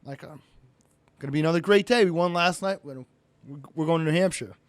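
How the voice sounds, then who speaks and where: A man recounting racing stories in a relaxed podcast interview. His voice sits fairly high for a man and is recorded dry and close. He tells stories with energy and shoots his pitch up when quoting others. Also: brisk, dry recording. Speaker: race car driver, guest. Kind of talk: casual storytelling interview.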